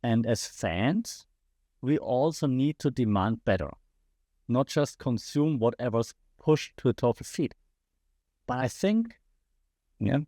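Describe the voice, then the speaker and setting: This man has a mellow, medium-pitched voice and a German accent, and he's slightly losing his voice. Hosting a podcast on his own, he comments passionately and poses rhetorical questions to his audience; the studio sound is clean, with no echo.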